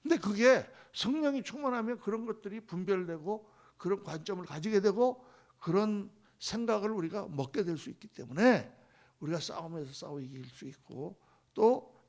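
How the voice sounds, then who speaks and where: A pastor preaches in a voice set a little high for a man, with a gravelly fry running through it. He moves between loud, emphatic lines and soft, hushed ones, and he acts out the people he quotes as if in everyday conversation. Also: animated, moderate pace. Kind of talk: sermon. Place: church sanctuary.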